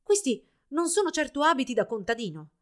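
A woman's voice: sits high, sing-song, fairly quick, voice pushed up. Hilarion, a jealous blustering village man, as a woman puts him on. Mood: grumbling. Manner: grumbling, then shouting accusations.

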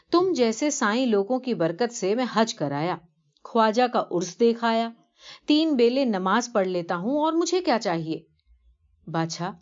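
Woman voicing a humble old pilgrim man for a story reading, lowered voice, earnest and slow, dull lo-fi sound. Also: lightly acted. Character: poor elderly man, devout pilgrim, humble. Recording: dull lo-fi recording.

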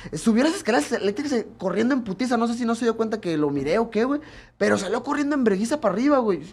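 A man's voice: very high voice, animated, very fast, breathy edge. A Mexican man, a guest who is a fighter, telling a rambling, profane story among friends in casual chat and tagging nearly every phrase with a slang filler.

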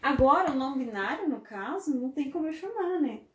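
Mulher tagarela e brincalhona numa sala com eco. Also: female voice, sits high, expressive, a little fast, echoey room, muffled recording, slight background noise. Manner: chatty, joking, lots of filler tags. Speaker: podcast co-host. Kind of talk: casual chat.

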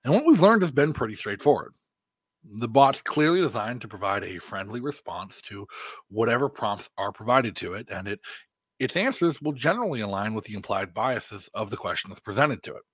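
Husky American man hosting a podcast. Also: lowish voice, lively intonation, moderate pace, no echo. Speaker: podcast host. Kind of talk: podcast monologue.

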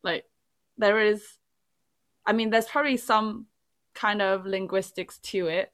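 A woman with a mid-range voice chats casually at an unhurried pace. Born in England but not a native English speaker, she tells an animated, rambling story packed with "like"s.

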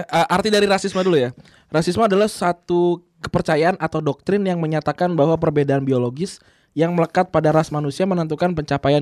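A man's voice: a little high, no room sound, studio quality. A man hosting a casual podcast chat about football, sometimes stumbling as he reads a definition aloud. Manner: relaxed, stumbles over words while reading. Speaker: podcast host.

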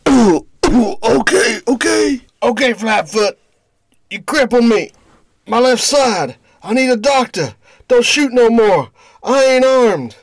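A man's voice: very high voice, expressive, takes it slowly, voice pushed up, exaggerated voice. A man voicing a wounded, pleading thug in a 1930s-style gangster radio drama. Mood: pained, pleading.

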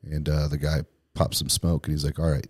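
Low-voiced man telling a rambling story. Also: little pitch movement, brisk, darkish tone, breathy edge, no echo, studio quality. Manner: rambling, filler-heavy, laughs through the story. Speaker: podcast co-host. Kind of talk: casual storytelling chat.

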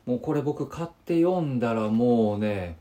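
A man's voice: mid-range voice, lively intonation, normal speed, dark tone. A man co-hosting a casual chat, enthusiastic and moved, reading aloud from a children's textbook. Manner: enthusiastic, moved, laughs while talking. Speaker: podcast co-host.

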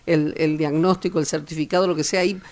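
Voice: medium pitch, steady tone. A co-host with an Argentine Spanish accent, speaking fervently about prayer and announcing a church prayer service. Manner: fervent, reads scripture slowly and gives church announcements. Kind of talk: devotional talk with announcements.

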